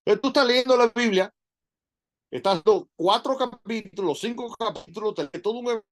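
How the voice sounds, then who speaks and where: Guy preaching, high voice, lively, acts out bits. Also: moderate pace. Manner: animated, acts out little scenes. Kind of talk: sermon.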